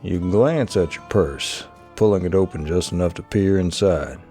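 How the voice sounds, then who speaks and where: A man gives a deep, low voice to this measured, storytelling game narrator. He reads second-person scripted narration with a steady pace. Soft music plays faintly behind him. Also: close to an everyday voice.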